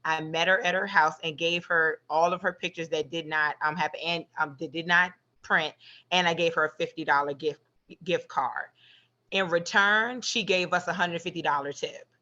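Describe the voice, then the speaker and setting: A woman's voice: on the low side, fairly even intonation, moderate pace, pushed and bright. A woman who runs a photo booth business, telling a story expressively on a video call panel. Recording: slightly muffled call audio.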